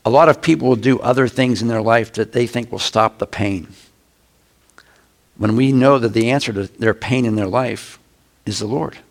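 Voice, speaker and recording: Speaking at normal speed and medium pitch, a middle-aged pastor delivers a sermon in a conversational style. Every so often he erupts into abrupt, loud shouting.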